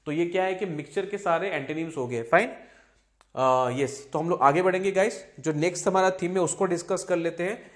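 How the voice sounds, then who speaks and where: Man, vocabulary teacher, slightly high voice, repeats each word. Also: a little fast. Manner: explains in Hindi mixed with English, repeats words, asks "ठीक है?" often. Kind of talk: exam-prep vocabulary lesson.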